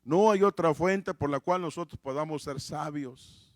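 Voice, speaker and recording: A man's voice: on the high side, a little slow, no room sound, clean studio sound. A man preaching a sermon, repeating key phrases for emphasis and often restarting words.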